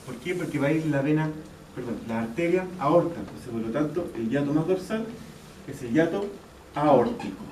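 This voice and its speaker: Echoey lecturer who repeats key terms. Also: male voice, fairly high pitch, lively intonation, normal speed, darkish tone, slight background noise. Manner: explains step by step, repeats key terms, checks in with "¿ya?". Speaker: anatomy lecturer. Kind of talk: classroom lecture. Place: lecture hall. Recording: echoey classroom, mic far off, faint ambience.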